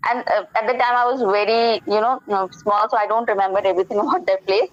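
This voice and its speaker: On a dull, lo-fi video call, a young Indian woman talks fast at medium pitch during student conversation practice. Polite and eager but hesitant, she leans on fillers often.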